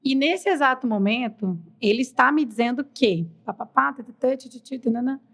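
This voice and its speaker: A Brazilian woman with a voice a bit above average pitch tells personal stories in a podcast studio. She is animated and acts out both sides of conversations, dropping in quick asides. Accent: Brazilian Portuguese. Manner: animated storyteller acting out dialogue, quick asides. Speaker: guest, HR executive. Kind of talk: testimony in casual podcast talk.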